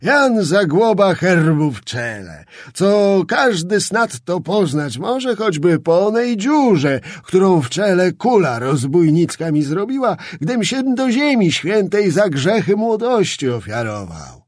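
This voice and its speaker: A man's voice: high-pitched, very animated, slow, hardly any pauses, no echo, studio quality, pitched above the performer's own voice, exaggerated voice. A man reading an audiobook, voicing a fat, boastful old nobleman who talks pompously and drawls.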